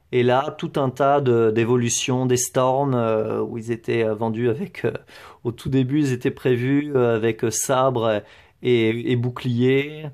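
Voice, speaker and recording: A man's voice: mid-range voice, a little mellow. Hesitant French-speaking man touring his collection. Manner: hesitant, many fillers and restarts. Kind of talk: casual show-and-tell narration.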